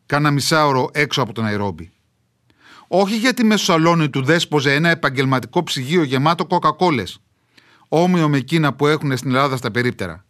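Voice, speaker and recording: A male author reads his own travel memoir aloud, wry and measured, letting dramatic pauses hang. His voice sits slightly higher than most men's. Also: a bit bright. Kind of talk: literary storytelling.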